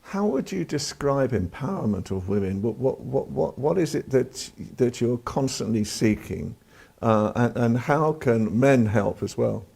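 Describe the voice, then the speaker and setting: Gravelly, warm male TV interviewer. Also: medium pitch, animated, measured pace. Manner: repeats words when starting questions. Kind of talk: live TV interview questions.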